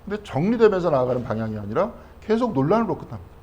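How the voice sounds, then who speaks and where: Quick, lively male pastor teaching. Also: a little high, husky, lo-fi sound. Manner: asks the class questions, then answers them himself; conversational, checking in with frequent tag questions. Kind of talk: Bible study lecture.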